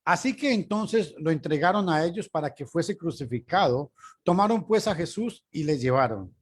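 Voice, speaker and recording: A man reading scripture aloud as a Bible teacher. His reading is measured, and he lifts his voice for quoted speech. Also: a little high, animated, breathy edge.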